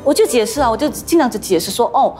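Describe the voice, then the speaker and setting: A woman actress, the guest in a podcast interview, telling stories with animated acted-out voices. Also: on the high side, fast, music in the background. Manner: animated storytelling, acts out quoted voices.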